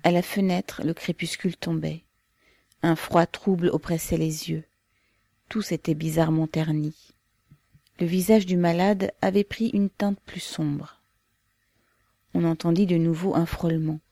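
A woman narrating a novel as an audiobook in a slow, measured, grave manner. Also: fairly low pitch, steady tone, mellow, no echo.

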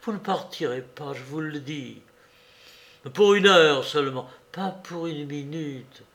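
A man's voice: fairly high pitch, takes it slowly, a bit bright. A man voicing an anguished young woman who pleads desperately and repeats herself, in an audiobook reading. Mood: desperate pleading.

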